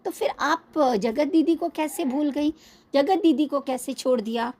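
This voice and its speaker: A woman's voice: high voice, a little slow, a little mellow. A young woman hosting a reaction video. She gives critical commentary in an indignant, scolding way and asks pointed questions. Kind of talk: critical commentary on online creators.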